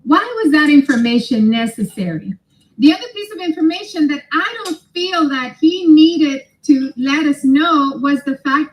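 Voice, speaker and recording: High voiced woman doing a commentary video, articulate, firm, kinda judgy. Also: poor audio. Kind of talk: social media commentary, composed monologue.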